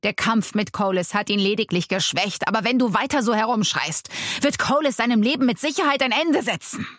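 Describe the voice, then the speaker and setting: A woman's voice: a little high, fairly quick, no room sound, clean studio sound, natural voice. A woman voicing a desperate male warrior. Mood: urgent. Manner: pleading, forceful.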